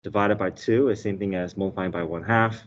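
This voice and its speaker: Low-voiced man teaching math, muffled sound. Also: steady tone, brisk, a little hiss or hum. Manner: explanatory, checks in with "okay" and "right". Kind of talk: step-by-step calculus lesson. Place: indoors, desk with document camera. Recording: dull, slightly muffled online lesson audio.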